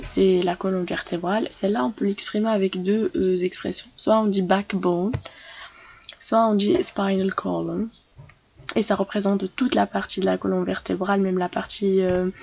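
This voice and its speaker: A woman's voice: medium pitch, vocal fry, darkish tone, lo-fi sound, a little hiss or hum. A woman giving a casual vocabulary lesson, talking in a hesitant way with many fillers and restarts. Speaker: English teacher for French speakers.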